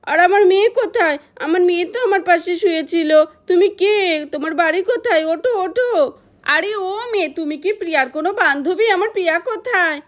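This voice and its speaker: A woman's voice: very high voice, normal speed, voice pushed up. A woman voicing a worried mother in a doll story, exclaiming and scolding. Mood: puzzled.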